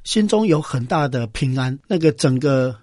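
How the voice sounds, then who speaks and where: A middle-aged man speaks, telling an earnest personal testimony in an interview. His pitch sits in the middle, and his talk is halting, with fillers and small restarts. The sound is close and dry. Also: animated, a little mellow, dry recording. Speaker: interview guest.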